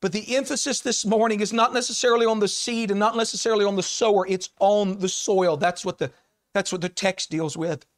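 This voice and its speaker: A middle-aged American man preaches in a church, his voice sitting high for a man. He tells folksy stories in a quiet, chatty tone, then rises to shouted emphasis on the scripture. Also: fairly even intonation, brisk. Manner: folksy, conversational storytelling between scripture readings. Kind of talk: sermon. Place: church sanctuary.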